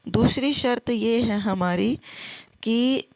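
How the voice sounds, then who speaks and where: A woman's voice: fairly high pitch, slow, darkish tone. A woman teaching a grammar lesson for exam preparation, repeating words and drilling her students in call-and-response, with English words mixed into her talk. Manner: mixes English words into Hindi. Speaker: Sanskrit teacher.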